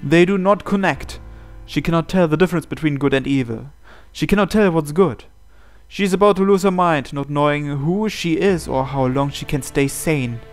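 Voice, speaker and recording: A gaming channel host reads visual novel narration dramatically, his slightly high voice at a normal speed. The game's background music plays behind him.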